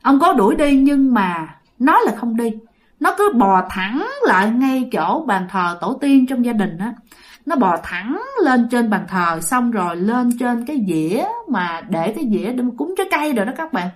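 A woman's voice: fairly high pitch, lively intonation, moderate pace. A woman telling ghost stories, chatty, with many fillers and often addressing the listeners. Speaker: storyteller. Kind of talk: ghost story narration.

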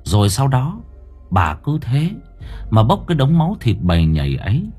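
A man narrating a dark storybook tale in a measured, suspenseful way. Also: mid-range voice, huge pitch swings, husky, faint music behind. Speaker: audiobook narrator.

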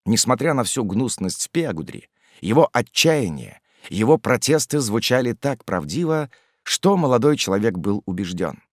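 A male audiobook narrator reads a classic novel with theatrical expression. His pitch moves lively through each sentence. The sound is dry and close to the mic, with no room around it. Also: moderate pace, dry recording. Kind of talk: scripted narration.

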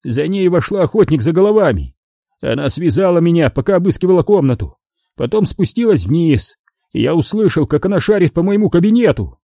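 A man's voice: fairly high pitch, very animated, fairly quick, dark tone, dry recording, studio quality, pitched above the performer's own voice. A man reading an audiobook voices a nervous, fussy middle-aged father who babbles excuses. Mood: anxious. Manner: flustered, babbling.

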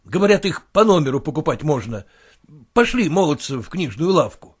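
Brief: an agitated merchant, middle-aged, raised and lively in pitch, put on by a male reader. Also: moderate pace, slightly rough. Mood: indignant. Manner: agitated, indignant outbursts.

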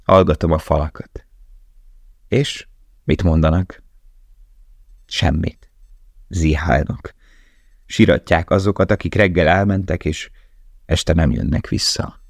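A haunted young woman prisoner, tender and quiet, read out by a man. The voice underneath stays deep and low, and the recording is dry and close, like a studio audiobook. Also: creaky, pauses often, no echo. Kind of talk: audiobook dialogue.

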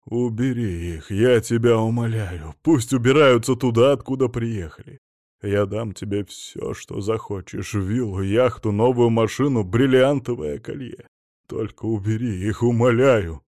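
A henpecked wealthy husband pleading loudly and emphatically with his wife, as read by a male narrator. Mid-pitched, dry, close-miked. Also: expressive, brisk, no echo, lightly acted. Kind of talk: audiobook character reading.

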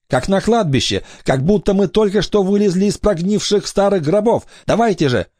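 A man's voice: high voice, expressive, darkish tone, no echo, studio quality, pitched above the performer's own voice. Cordelia, a man doing a scheming ghostly girl. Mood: urgent. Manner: drawn-out, eerie wailing. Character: cunning bold young girl faking a ghost. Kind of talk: audiobook character voice.

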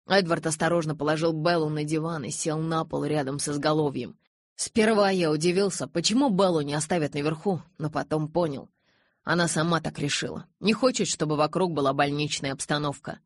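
A woman narrating a novel in the first person in an even, measured reading voice. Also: sits low, no echo, clean studio sound. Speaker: audiobook reader.

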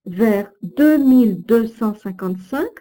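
A woman with a French accent giving a recorded lesson, with slow, careful, deliberate diction. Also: a little high, lively intonation, warm tone. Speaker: teacher of Old French.

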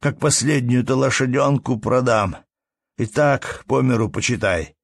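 A man's voice: on the low side, measured pace, breathy edge. A man reading an audiobook and voicing a poor, desperate peasant who pleads humbly, close to tears. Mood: pleading.

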